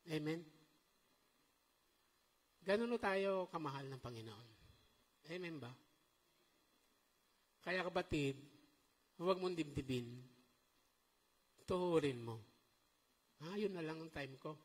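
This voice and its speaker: A middle-aged man preaching a sermon, lively and animated, often checking in with the congregation. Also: fairly high pitch, slow, pauses often, breathy edge. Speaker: pastor. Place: church hall. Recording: long church-hall reverb.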